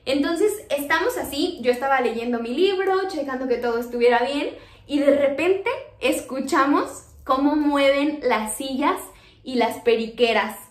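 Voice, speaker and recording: A young Mexican woman with a Mexican accent, casually telling spooky personal stories in an animated way, acting out the dialogue. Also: high voice, a little slow. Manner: animated, re-enacts dialogue, many fillers. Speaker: storyteller. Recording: roomy echo.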